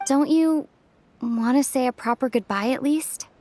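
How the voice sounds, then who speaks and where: A gentle confidante in a dramatic game scene. The voice is high but very mellow, soft and full of concern. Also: female voice, measured pace, no room sound. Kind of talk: dramatic video game voice acting.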